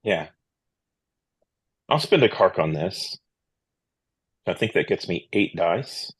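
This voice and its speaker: A man's voice: low-pitched, expressive, slow pace, slightly rough. A man chatting casually as a player in a tabletop game, thinking aloud.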